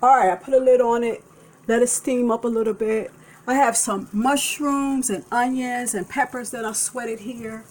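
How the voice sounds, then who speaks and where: A woman's voice: fairly high pitch, fairly even intonation, normal speed, a little mellow, poor audio. A woman vlogging a casual cooking demonstration in her home kitchen, talking in a chatty, rambling way and correcting herself as she goes. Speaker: vlogger cooking a vegan breakfast. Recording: kitchen noise and pan sizzle. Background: food sizzling in a pan.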